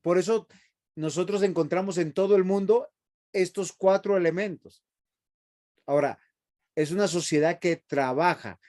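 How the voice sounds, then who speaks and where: Man, seminary teacher, emphatic lecture, rhetorical questions, slightly raised pitch. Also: normal speed, long pauses, a little mellow. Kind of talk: bible class lecture.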